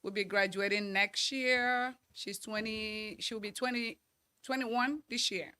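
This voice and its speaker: A woman's voice: mid-range voice, fairly even intonation, unhurried, bright, forceful tone, clean tone. A woman, giving earnest, upbeat interview answers as a guest. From Nigeria. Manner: earnest, upbeat, talks in long runs. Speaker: guest, model trainer and banker.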